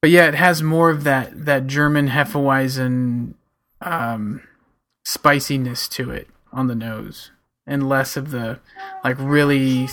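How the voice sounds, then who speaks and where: A man co-hosting a beer review, describing a beer's look and smell in an easygoing, pausing way. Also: medium pitch, fairly bright tone. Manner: easygoing, describing aromas with pauses. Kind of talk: casual tasting review.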